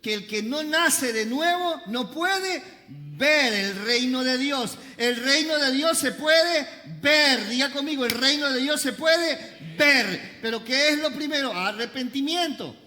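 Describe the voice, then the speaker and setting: High-voiced pastor preaching, gets the crowd to repeat after him, cracks jokes, echoey church hall. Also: male voice, expressive, takes it slowly, few pauses, pushed and bright. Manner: call-and-response preaching, has the congregation repeat lines; playful, joking asides. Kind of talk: sermon. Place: church service.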